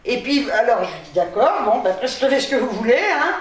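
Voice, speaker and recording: A woman's voice: a little high, lively intonation, fairly quick, far from the mic. Tired chatty woman in an echoey room. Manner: chatty, exasperated, laughing asides. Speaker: vlogger. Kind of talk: casual storytelling to camera.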